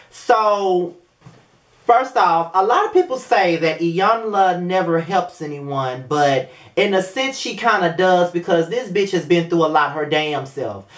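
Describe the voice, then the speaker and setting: A man in his late twenties talks straight to camera in a loose, rambling vlog review. He swears freely, circles back on himself and fills gaps with lots of ums. His voice carries a noticeable room echo. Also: fairly high pitch. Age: 20s. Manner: blunt, profane, rambling with many fillers. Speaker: video reviewer. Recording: roomy echo.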